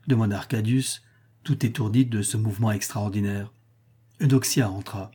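A man narrating an audiobook in a measured, lowered tone. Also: steady tone, mellow, slightly rough.

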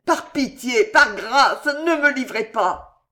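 A man's voice: very high-pitched, lively intonation, takes it slowly, pitched above the performer's own voice, exaggerated voice. A reader voicing a desperate young male fugitive who begs for mercy in a raised voice in a storybook reading. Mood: pleading. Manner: raised, begging.

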